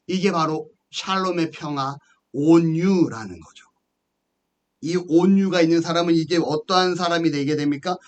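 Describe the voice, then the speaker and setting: A man's voice: on the high side, moderate pace. A male pastor preaching a sermon, with emphatic rhetorical questions and rising, swelling phrases. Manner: tells personal stories with reenacted dialogue.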